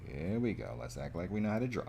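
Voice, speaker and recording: With a deep, creaky, dark voice, this man talks quickly and very animatedly as he draws art for his game on stream. He's an indie developer and animator doing casual devlog chat, muttering, thinking aloud, and poking fun at himself. A slight hiss or hum sits in the audio.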